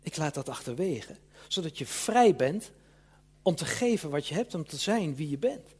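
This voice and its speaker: Husky-voiced man preaching earnestly. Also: on the high side, big pitch swings, normal speed, darkish tone. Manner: earnest, emphatic preaching with tag questions. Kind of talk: sermon.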